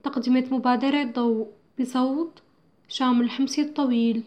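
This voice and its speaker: A woman reading a religious studies textbook lesson aloud, measured and clear, with slow, careful recitation of verses. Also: high voice, fairly even intonation, a little mellow, lo-fi sound. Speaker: narrator of a school textbook audio.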